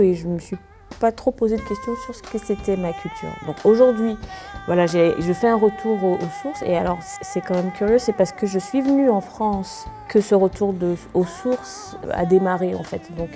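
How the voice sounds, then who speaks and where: A young Togolese singer answers interview questions calmly and thoughtfully, hesitating often. Her voice sits on the lower side.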